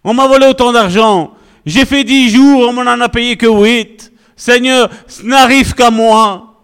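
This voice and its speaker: A man's voice: very high voice, measured pace, fairly bright tone, clear, resonant tone, in a large hall, pitched above the performer's own voice, heavily acted. A pastor voicing a complaining male churchgoer who moans to God about his aches, his boss and his pay. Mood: whining. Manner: plaintive, complaining. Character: whining male churchgoer listing grievances to God.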